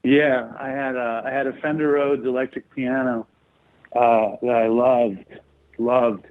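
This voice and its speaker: Male guest on a remote call, tinny phone audio, talks in halting, hesitant bursts. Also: mid-range voice, steady tone. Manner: hesitant and halting, full of ums and restarts. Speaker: podcast guest. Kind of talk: casual interview chat.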